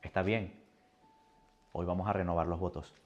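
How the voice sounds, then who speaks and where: A man preaching a sermon with a personal testimony, animated and moving between soft and loud. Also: low voice, normal speed, muffled recording.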